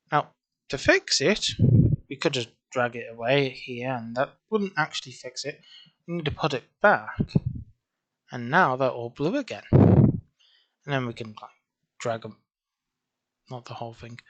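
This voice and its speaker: With a mid-range, somewhat bright voice on poor audio, a man makes a casual screen-recorded walkthrough of a program. He has just regained his voice after losing it, and as a tutorial creator he chats, rambles, and corrects himself.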